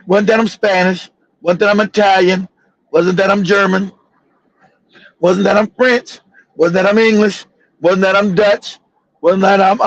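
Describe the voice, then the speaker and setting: A man's voice: sits high, no echo, lo-fi sound. A man hosting a livestream talk show, delivering fiery, profane, repetitive commentary. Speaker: show host.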